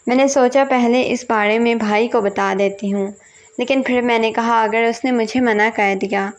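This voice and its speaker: A woman's voice: on the high side, fairly even intonation. A woman reading a first-person family drama aloud, voicing every character in her own voice. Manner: reads all parts in one voice, quoting family members plainly. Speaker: story narrator. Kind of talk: first-person storybook narration.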